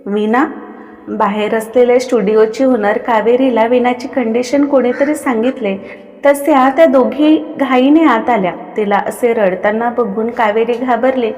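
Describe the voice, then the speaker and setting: A woman narrating a story with an expressive reading. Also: on the high side, a little slow. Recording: long reverb.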